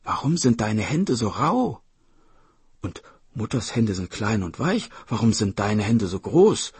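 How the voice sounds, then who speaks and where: A man's voice: lowish voice, sing-song, unhurried, a little mellow, slightly rough, no echo, full character voice. A man voicing a cautious, clever boy who keeps asking questions. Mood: questioning. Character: wary, clever boy, the older brother.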